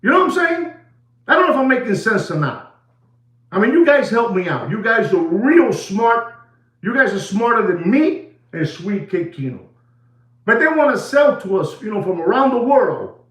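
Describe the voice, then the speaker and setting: This host rambles through a casual livestream chat in a high, sing-song voice with a fairly bright tone and moderate pace. He's from New York with a Puerto Rican accent, mixes in bits of Spanish and many fillers, and the recording is rough and roomy.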